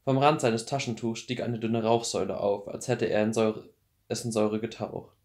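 A man in his twenties calmly reading a novel aloud as a bedtime audiobook. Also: fairly low pitch, moderate pace, creaky. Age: 20s. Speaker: audiobook reader.

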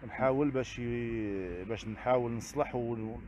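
A man with a Moroccan Arabic accent, answering interview questions as a father, halting and repeating the same phrases. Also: mid-range voice, a little mellow, lo-fi sound, a little hiss or hum. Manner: repetitive, halting, keeps circling back to set phrases. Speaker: interview guest, father seeking custody.

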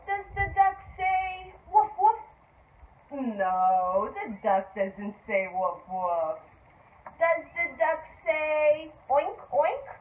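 Slow, sing-song woman teaching toddlers. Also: high-pitched, muffled recording. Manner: exaggerated, animated, coaxing. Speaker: preschool teacher. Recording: echoey room, faint noise.

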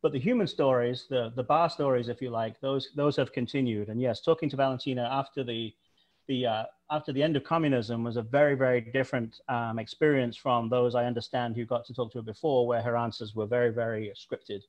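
A man's voice: medium pitch, fairly even intonation, brisk, a little mellow, muffled recording. A man speaking as a guest on a video call, telling history anecdotes in an enthusiastic, storytelling way. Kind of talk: storytelling talk.

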